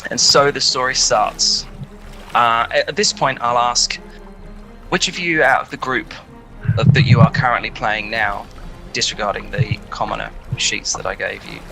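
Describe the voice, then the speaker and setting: A man's voice: medium pitch, normal speed, creaky, bright, forceful tone, soft background music, low-quality recording. A man narrating a tabletop game as game master, with hesitant, filler-heavy speech.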